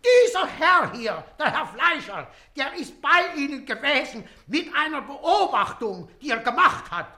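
A querulous, hard-of-hearing old landlord in a radio play. His voice is high, bright and swooping, and he stammers and sputters with outrage. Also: very animated, a little slow, few pauses, heavily acted. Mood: indignant. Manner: indignant, sputtering, stammers in agitation.

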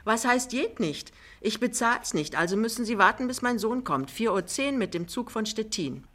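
A woman's voice: on the high side, lively intonation, moderate pace, a bit bright, voice pushed up. A woman reading an audiobook, voicing a vain, thrifty middle-aged mother with a gushing, bossy and theatrical manner. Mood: fussing.

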